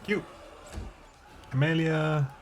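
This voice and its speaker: A man's voice: fairly high pitch, steady tone, extremely slow. A man giving casual, conversational commentary as he plays a video game.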